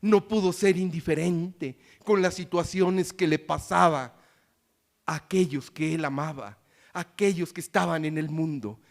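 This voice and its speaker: A man preaching a sermon, reading scripture quietly and rising into loud appeals with questions to the congregation. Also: on the high side, a little slow, gravelly. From Latin America.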